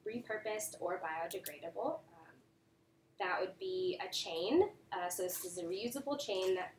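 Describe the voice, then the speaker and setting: Nasal young woman presenting a thesis. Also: on the low side. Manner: earnest, with frequent ums and uhs. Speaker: graduate student presenting a thesis. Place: presentation room. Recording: echoey room, voice from a distance, faint room noise.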